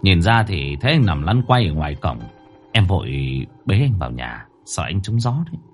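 A man's voice: low voice, big pitch swings, moderate pace, faint music behind. A man voicing a worried middle-aged village man who speaks plainly and reassuringly.

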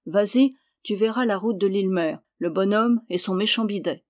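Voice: mid-range voice, normal speed, lightly acted. A reader voicing an impudent, mocking male dwarf jester in an audiobook, cheeky and teasing, speaking in riddles. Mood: sly. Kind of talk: audiobook character reading.

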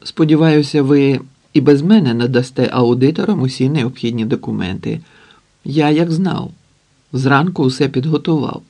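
Guy reading a cocky young mechanic, blunt slangy talk, mellow voice. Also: medium pitch, moderate pace, natural voice. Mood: curt.

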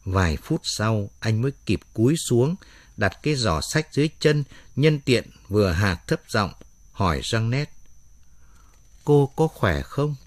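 A man narrating a dramatic story aloud in an expressive storytelling manner. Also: fairly low pitch, normal speed, dry recording.

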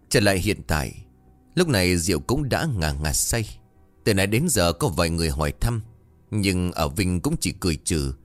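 Deep-voiced male storyteller. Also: dry recording. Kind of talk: scripted story narration.

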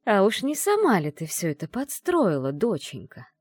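A woman reading the part of a caring, shrewd middle-aged witch mother in an audiobook, in a gentle, teasing way. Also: mid-range voice, wildly swooping pitch, normal speed, slightly rough, no echo, studio quality, voice pushed up. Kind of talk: audiobook character voice.

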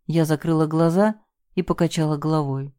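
A woman reading a first-person story aloud as an audiobook narrator, raising her voice for the shouted lines. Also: deep voice, steady tone, brisk, dry recording, studio quality.

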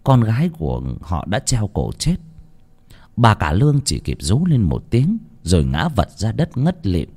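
A man's voice: lowish voice, wildly swooping pitch, measured pace, warm tone, husky. A man narrating a horror folk tale in a dramatic, vivid way. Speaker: storyteller.

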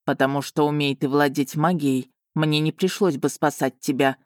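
A woman's voice: sits low, fairly even intonation, moderate pace, darkish tone, no room sound, studio quality, voice pushed down, lightly acted. A woman reading an audiobook voices a stern, commanding male dragon with a curt, clipped manner. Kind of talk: audiobook character voicing.

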